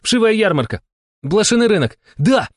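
A man voicing an excitable, crude-tongued young woman shaman who shouts and swears. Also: high voice, brisk, no room sound, clean studio sound, pitched above the performer's own voice. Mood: excited shouting.

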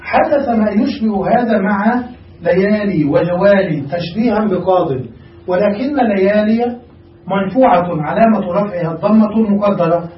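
A male grammar teacher giving a classical lesson, quizzing his students with frequent check questions. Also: high-pitched. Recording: echoey room, far from mic, dull.

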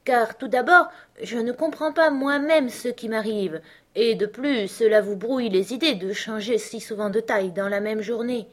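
A woman's voice: a little high, moderate pace, pitched above the performer's own voice, lightly acted. A woman voicing a timid, polite young girl who talks hesitantly in an audiobook. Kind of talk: audiobook character reading.

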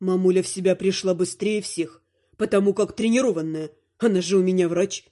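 A woman reading a first-person audiobook in a wry, lively storytelling manner. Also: on the low side, fairly quick. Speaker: narrator.

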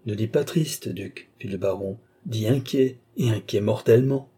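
Man doing petulant old baron, urgent and anxious, mellow husky voice. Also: fairly low pitch, moderate pace. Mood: pressing. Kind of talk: audiobook character reading.

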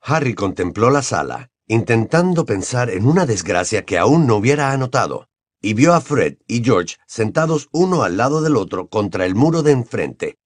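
A man narrates an audiobook with a lively, rising and falling delivery. His voice sits at a middle pitch. The recording is dry and close, with no room sound. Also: no echo. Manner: expressive, varied storytelling. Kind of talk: audiobook reading.

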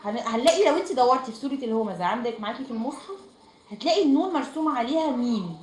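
A woman's voice: a little high, expressive, rapid-fire, a little mellow. A woman with an Egyptian accent teaching a recitation lesson over online voice chat, explaining step by step and often checking with her students. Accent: Egyptian Arabic. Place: room at home. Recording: echoey room, faint noise.

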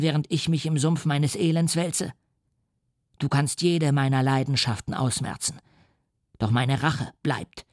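A huge, lonely creature, voiced by a man, speaks in slow, menacing threats. The voice sits at a middling pitch. It sounds dry and close, as in a radio drama reading. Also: dry recording, lightly acted. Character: vengeful, lonely male creature, huge and bitter.

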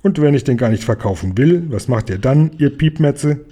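A man voicing a lazy, boastful male lion who grumbles in a mellow, husky voice. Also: medium pitch, lively intonation, moderate pace, lightly acted. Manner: grumbling, growly.

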